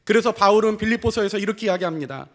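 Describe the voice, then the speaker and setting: A male pastor preaching a sermon in a church, animated, asking rhetorical questions and dropping short affirming fillers. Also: high voice, very fast. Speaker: senior pastor. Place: church sanctuary. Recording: long church hall reverb.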